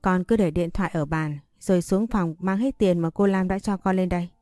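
A woman voicing a calm, gentle young wife. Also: on the low side, brisk, dry recording, clean studio sound, faint music behind, close to an everyday voice. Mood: reassuring. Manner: gentle, reassuring.

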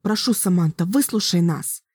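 A woman's voice: on the low side, lively intonation, moderate pace, darkish tone, slightly rough, dry recording, studio quality, pitched above the performer's own voice. A woman voicing an adult heroine who pleads urgently in an audiobook. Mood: urgent pleading. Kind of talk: audiobook character voice.

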